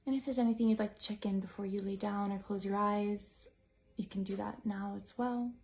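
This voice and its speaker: Brief: woman breathwork teacher, mellow and gravelly, flat delivery, musing and gentle. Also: mid-range voice, fairly quick. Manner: gentle, musing, with many "like" and "you know" fillers. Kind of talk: reflective teaching talk to a group.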